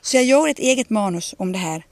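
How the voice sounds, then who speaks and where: Woman telling lively stories. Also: medium pitch, dry recording. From Ostrobothnia, Finland. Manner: animated, acts out quoted dialogue. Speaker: interviewee. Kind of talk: personal storytelling in a radio conversation.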